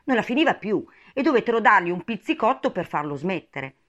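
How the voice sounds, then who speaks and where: A woman narrating a storybook with an expressive reading. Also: mid-range voice, brisk, muffled recording.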